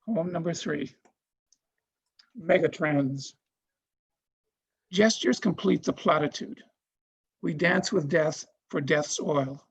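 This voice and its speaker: A man giving a solemn poetry reading, with measured and deliberate phrasing. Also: on the high side, vocal fry, breathy edge. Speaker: poetry reader.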